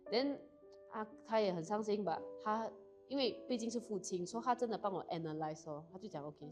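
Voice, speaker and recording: Quick young woman, lowish voice, flips between mandarin and english, telling her story on a talk show. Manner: fast, mixes Mandarin and English mid-sentence. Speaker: guest. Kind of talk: candid personal storytelling.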